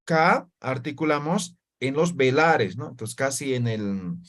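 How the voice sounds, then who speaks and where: A man teaching an online language class, explaining patiently, demonstrating sounds slowly and checking in with his students often. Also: mid-range voice, animated, a bit bright.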